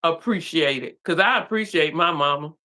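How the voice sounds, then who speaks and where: A woman's voice: low voice, normal speed, bright, forceful tone. A middle-aged woman in a casual chat, speaking earnestly and affirmingly. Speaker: co-host.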